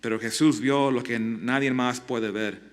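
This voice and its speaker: Male pastor, mid-pitched, earnest sermon delivery, halting restarts, direct questions to congregation. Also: fairly even intonation.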